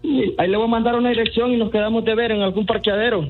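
Deadpan high-voiced man on the phone. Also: racing, phone-quality sound, soft background music. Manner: deadpan, evasive, answers with wisecracks. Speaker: prank call target on the phone. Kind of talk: phone conversation.

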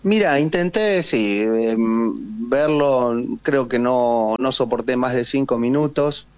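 On a casual radio phone interview, a man with an Argentine Spanish accent, a war veteran and writer appearing as guest, talks hesitantly with many fillers and tag questions. His mid-range voice is slow, a little mellow and smooth, and the audio is dull with no echo.

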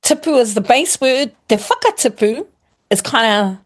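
Here a middle-aged woman from New Zealand, a primary school teacher on as a guest, explains casually in both Māori and English. Her pitch is fairly high; she lays out examples in a teacherly sequence and often pauses to restart or rephrase, staying steady and friendly.

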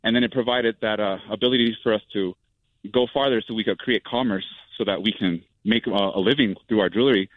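Male caller on a clipped, tinny phone line, from New Mexico, lowish voice, easygoing with lots of "uh"s, dry sound. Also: brisk, no room sound. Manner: relaxed, with frequent "uh" fillers. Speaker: radio call-in caller. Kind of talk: casual call-in comment.

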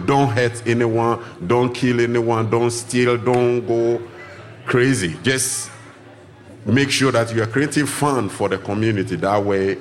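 A low-pitched man from Ghana speaks as a guest at a live festival broadcast. He talks casually and with animation about drumming, and he now and then acts out greetings. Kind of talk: casual interview talk.

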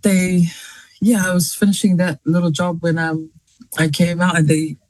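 On a talk show, a thirtysomething journalist from New Zealand chats casually, laughing easily amid plenty of fillers and restarts. Her voice is on the low side, flat, and a little mellow, at normal speed, with no room sound.

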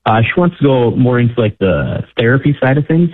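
A man's voice: mid-range voice, very animated, fairly quick, dry recording. A man calling in to a radio show over a phone line, laying out his question in an earnest, matter-of-fact way. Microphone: telephone. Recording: tinny dry phone line.

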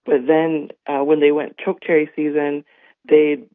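Guesting on a radio interview, a man from North Dakota shares stories casually and warmly, leaning on fillers and a frequent "right?". His somewhat hoarse voice sits high and slightly raised, level in tone and a little slow. The audio is dry, thin and phone-like, with no room sound.

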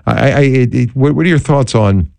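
A middle-aged man hosting a live call-in radio show with a smooth radio host delivery, welcoming callers and guests. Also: mid-range voice, normal speed, a little mellow, dry recording.

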